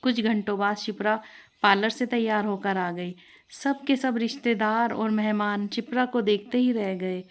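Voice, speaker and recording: A woman narrating a moral storybook tale in an even, clear storytelling manner. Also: mid-range voice, unhurried.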